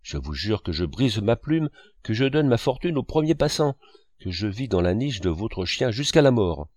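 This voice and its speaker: A man's voice: lowish voice, very animated, normal speed, darkish tone, dry recording, clean studio sound. A man reading the lines of a tormented, grandiose man who believes he is Christ, pouring out feverish pleas. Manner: pleading, feverish outpourings. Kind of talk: audiobook reading.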